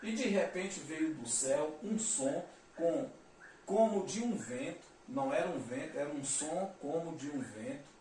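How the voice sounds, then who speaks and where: A man's voice: fairly high pitch, animated, a little slow, mellow. A Brazilian man with a Brazilian Portuguese accent preaching a sermon, emphatic and repetitive, reading verses aloud. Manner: emphatic, repeats phrases, reads verses aloud. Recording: echoey, distant mic, faint noise.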